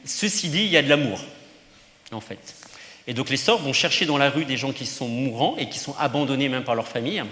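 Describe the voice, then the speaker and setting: A man's voice: medium pitch, lively intonation, brisk, sharp tone, slight background noise. A male priest giving an informal teaching to teenagers, chatty, with many fillers and asides. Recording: roomy hall with long reverb.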